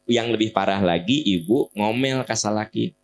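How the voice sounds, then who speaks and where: Folksy low-voiced male preacher, Sundanese accent. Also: normal speed, slight background noise. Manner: folksy, acts out little household scenes. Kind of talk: sermon.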